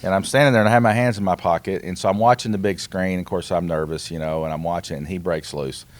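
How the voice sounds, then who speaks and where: A middle-aged man co-hosting a podcast casually tells an anecdote at a fast clip in a low voice. He animates the retelling by acting out snippets of quoted dialogue.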